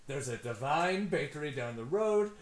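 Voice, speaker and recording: Man doing an excitable, swooping fantasy businessman. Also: moderate pace, close to an everyday voice. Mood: charming. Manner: exclamatory, animated, swooping into high notes. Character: excitable, wheeling-dealing moustached fantasy businessman named Tony. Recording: echoey room.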